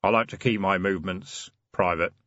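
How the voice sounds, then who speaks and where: A man voicing a hooded, broad male stranger who speaks in a deep, slow, solemn way. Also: fairly even intonation, fairly bright tone, no echo, muffled recording. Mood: grave.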